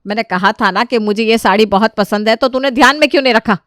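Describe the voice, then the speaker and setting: A woman's voice: sits high, lively intonation, normal speed, clear, resonant tone, no room sound, studio quality, pitched above the performer's own voice. A woman doing a bossy cartoon mother-in-law. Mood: angry. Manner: loud, scolding. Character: bossy mother-in-law who loves her sari. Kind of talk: cartoon story voice acting.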